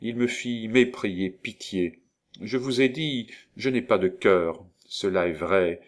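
Man reading as proud young noblewoman, haughty, passionate, a bit low. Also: slow. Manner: haughty, impassioned.

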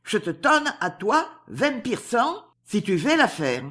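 A woman's voice: a little high, big pitch swings, slow, fairly bright tone, voice pushed up, full character voice. A woman voicing a pompous older male banker who speaks French with a heavy German accent and mangled consonants. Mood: blustering.

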